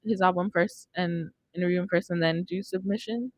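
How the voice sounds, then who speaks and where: Close on a boom-arm studio mic, a young American woman hosts a casual podcast chat indoors. Her voice is lowish and steady, and she talks fairly quickly.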